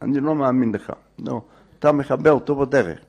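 A man voicing a gruff, sleepy male gentile guard who grumbles at being woken. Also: medium pitch. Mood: irritated. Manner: shouting, grumbling, reluctant.

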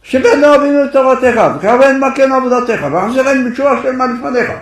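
A man voicing an angry worshipper who shouts his prayers as demands. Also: extremely high pitch, steady tone, voice pushed up. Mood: demanding. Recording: echoey room, far from the mic.

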